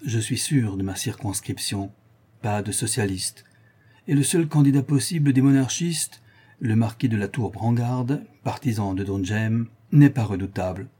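A man voicing a middle-aged politician who speaks gruffly and impatiently. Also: on the low side, normal speed, mellow. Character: middle-aged male politician, smug, irritable.

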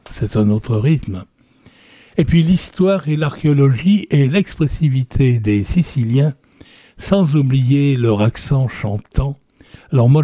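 A man hosting a radio music show, presenting in a relaxed, chatty way, listing facts with small asides. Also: mid-range voice, no echo.

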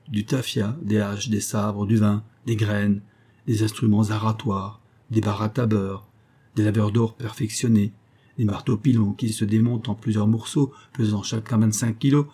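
A man reading the part of a weathered older boatman and former convict, low-voiced, humble and eager to serve. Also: fairly even intonation, moderate pace, dark tone, husky. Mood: earnest.

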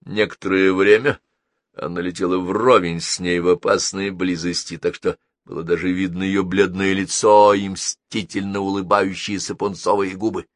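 A man narrating an audiobook in an animated, dramatic reading style. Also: sits low, moderate pace, no echo, studio quality.

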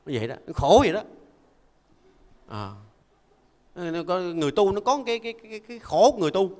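An older Buddhist monk gives a folksy, conversational dharma talk and keeps asking listeners to agree. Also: male voice, sits high, very animated, brisk, darkish tone, in a large hall. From Vietnam. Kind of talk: conversational sermon.

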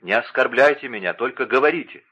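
A man's voice: medium pitch, expressive, fast talker, bright, forceful tone, husky, pitched above the performer's own voice. A man reading an audiobook voices a proud, jealous young princess at court who turns from haughty to tearful. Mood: pleading. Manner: haughty, then tearful and pleading.

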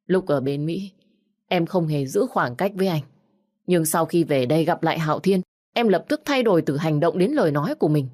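A jealous young suitor, read by a woman in her own low voice, pressing and accusing. He pushes hard with sharp, insistent questions. The voice sits low and plain, with no attempt at a man's voice. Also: lively intonation, brisk. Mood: angry.

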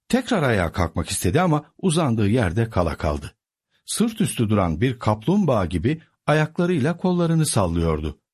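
A man narrating a storybook with clear, expressive storytelling. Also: fairly low pitch.

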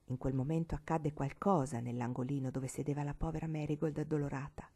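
A woman reading a novel aloud as an audiobook narrator, expressive and shifting into character voices. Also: low-pitched, fairly quick, breathy edge. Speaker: audiobook reader.

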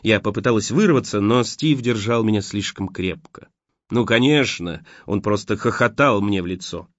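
A man's voice: on the low side, moderate pace, dry recording. A man reading a novel aloud as scripted first-person narration, on a dull, dry recording. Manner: expressive reading. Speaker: audiobook reader.

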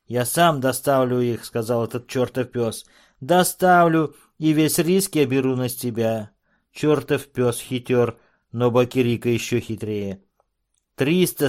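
A squeaky, trembling little dwarf, voiced by a male narrator, whines and bleats in a high, strained voice. He sounds chilled to the bone and grasping, an audiobook character pitched far above the reader's own tone. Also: natural voice. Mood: scheming, shivering. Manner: shrill, bleating, exclaiming. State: trembling with cold. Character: shivering, whining little male dwarf gun trader.

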